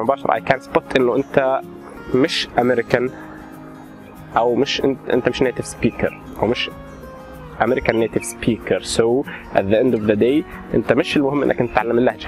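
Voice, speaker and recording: A man, an architect vlogger, explains casually and drops English terms into his talk with lively everyday examples. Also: mid-range voice. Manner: mixes English terms into Arabic.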